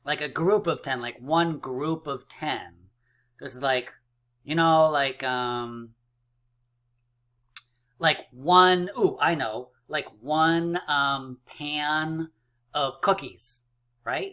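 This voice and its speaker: A man's voice: fairly high pitch, bright, forceful tone. A man teaching a math lesson to young children, upbeat and chatty with lots of fillers. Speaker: math coach.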